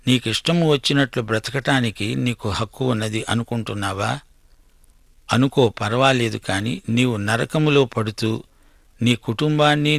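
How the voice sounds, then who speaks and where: Gravelly-voiced man preaching a sermon. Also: medium pitch, a bit bright, no echo, clean studio sound. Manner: reads verses, then preaches and questions listeners directly. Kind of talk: Bible exposition sermon.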